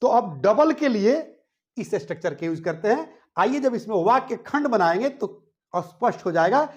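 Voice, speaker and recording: A man teaching spoken English at a board. He explains slowly, repeats words in pairs, calls his students "beta" and keeps checking that they follow. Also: high-pitched, sing-song, lo-fi sound. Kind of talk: classroom grammar lesson at a board. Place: classroom with a board.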